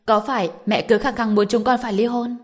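An exasperated young wife, voiced by a woman narrator, speaks firmly and quickly. Her indignant lines come in an audiobook reading. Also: a little high, fairly even intonation, natural voice. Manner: firm, indignant.

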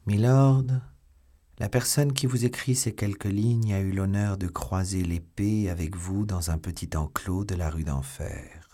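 A man's voice: sits low, a little slow, dark tone. A man reading an audiobook, voicing a refined, self-assured musketeer poet reading a formal letter aloud.

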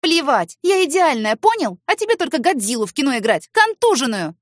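A woman voicing a proud, quick-tempered young woman who snaps back in shrill, indignant outbursts. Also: very animated, no room sound, clean studio sound.

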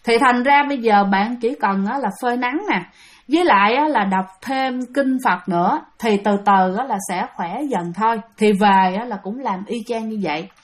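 A woman's voice: a little high, normal speed. A woman narrating a ghost story in a chatty way, talking straight to her listeners. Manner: chatty, addresses listeners directly.

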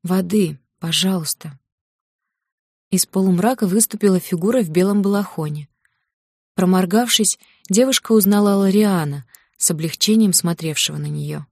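A woman narrates a fantasy novel as an audiobook, reading the script in a calm, even storytelling style. Her voice is medium-pitched at a moderate pace, recorded in a clean studio with no room sound.

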